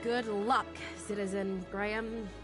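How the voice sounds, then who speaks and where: A woman's voice: mid-range voice, little pitch movement, takes it slowly, over music, natural voice. A woman playing a brash, cagey young tech tinkerer in a video game, with a sarcastic, cheeky, slangy delivery.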